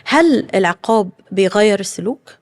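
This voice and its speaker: Fast-talking Egyptian woman host. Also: mid-range voice, animated. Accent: Egyptian Arabic. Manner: asks questions, frequent "mm" backchannels. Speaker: talk show host. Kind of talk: casual studio conversation.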